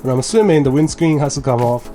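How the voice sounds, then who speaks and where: In his home garage, a young motorcycle vlogger with a cold-stuffed nose walks through an install step by step in a casual how-to video, chatting as he works. He speaks fast and animatedly in a warm, mid-range voice over soft background music.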